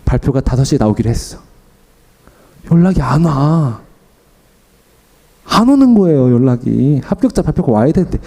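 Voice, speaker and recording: Speaking fairly quickly in a mid-range voice, a young preacher shares a personal story during an afternoon sermon. He's animated, voicing himself and others as he recounts the conversations.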